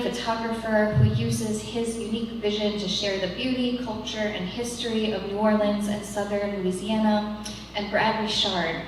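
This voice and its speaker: Woman moderator in an echoey hall. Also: medium pitch. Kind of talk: live panel introduction. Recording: echoey hall, distant, noisy.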